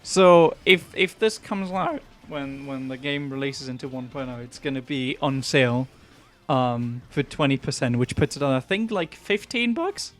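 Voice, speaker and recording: A man's voice: medium pitch, moderate pace. A man in his twenties, a game developer, talking casually in a podcast interview, rambling with lots of fillers and restarts. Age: 20s.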